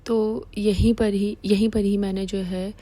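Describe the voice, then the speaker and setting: Chatty Pakistani woman on a flat home tour. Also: mid-range voice, unhurried, low-quality recording. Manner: chatty, affectionate, repeats words like "pyari si". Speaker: vlogger. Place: small apartment, indoors.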